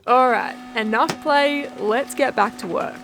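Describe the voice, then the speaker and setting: Woman narrating boat vlog, upbeat and matter-of-fact, highish voice, music playing under. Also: unhurried, creaky, fairly bright tone.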